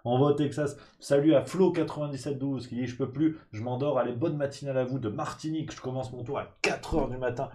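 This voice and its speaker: A man's voice: medium pitch, steady tone, quick pace, few pauses, mellow. A man hosting a live-streamed morning press review in a loose, joking way, reading out chat messages and thanking subscribers.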